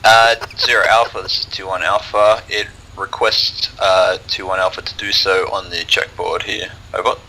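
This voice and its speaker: A man's voice: low-pitched, little pitch movement, normal speed, hardly any pauses, bright, forceful tone. A man sending call-sign radio traffic as a trainee radio operator, heard distant over a radio channel. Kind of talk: radio voice procedure drill.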